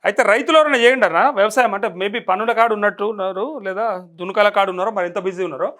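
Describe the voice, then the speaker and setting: Deliver this as a male host with a Telangana accent, pushing the words out at a rapid clip in a high register. Keep it urgent and fire off rhetorical questions. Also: fairly bright tone. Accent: Telangana Telugu. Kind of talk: live call-in political commentary.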